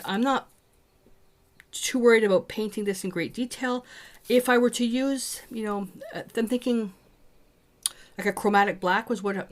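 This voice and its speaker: A woman walking viewers through a small mixed-media art project, chatting as she works. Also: mid-range voice. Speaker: art teacher. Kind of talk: casual craft tutorial.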